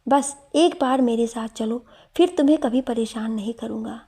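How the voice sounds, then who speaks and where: A woman voicing a lovestruck, playful young male professor in a read-aloud story, with a warm, breathy voice. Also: on the high side, normal speed. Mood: pleading. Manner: teasing, pleading. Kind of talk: storytelling narration.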